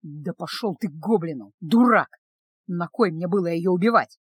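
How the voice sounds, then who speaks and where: A woman voicing an angry young village man who talks in a low, hissing, bitter voice. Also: moderate pace, breathy edge, no echo. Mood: seething, bitter.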